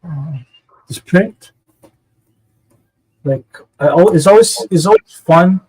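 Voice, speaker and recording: Higher-voiced man, rambling casual chat. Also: slow pace, darkish tone, slightly rough, rough recording. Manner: rambling, many fillers, often says "you know what I mean". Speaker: co-host and illustrator. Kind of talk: casual chat while streaming art.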